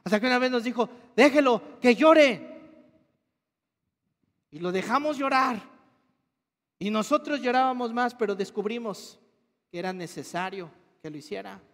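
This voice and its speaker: A pastor preaches with a strikingly high voice, asking his congregation one question after another. His voice rings out with a long reverb through the church hall. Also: a little fast, a bit bright. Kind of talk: sermon.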